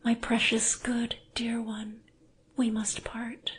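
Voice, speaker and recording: A woman's voice: fairly high pitch, completely flat delivery, slow pace, slight background noise, pitched above the performer's own voice. A woman voicing an anguished, frightened married woman in love, breathless and pleading, in a dramatic audiobook reading. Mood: urgent, miserable.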